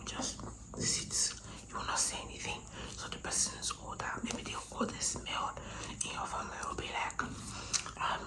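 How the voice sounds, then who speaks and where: Woman, breathy whisper, ASMR storytelling, gossipy, informal, animated, repetitive phrasing. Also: poor audio. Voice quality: breathy, mostly unvoiced whisper. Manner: repeats words and phrases.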